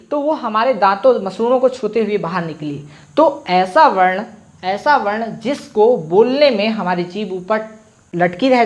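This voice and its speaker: A man teaching a Hindi grammar lesson online, who asks questions and answers them himself and repeats sounds slowly so students can copy them. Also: sits high. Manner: addresses viewers directly with frequent "theek hai". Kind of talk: online exam-prep lesson.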